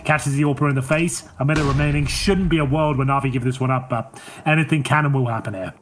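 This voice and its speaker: A man calling live esports action play by play, rapid and excitable as the plays unfold, on a headset mic. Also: medium pitch. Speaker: play-by-play caster. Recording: clear background noise with clicks.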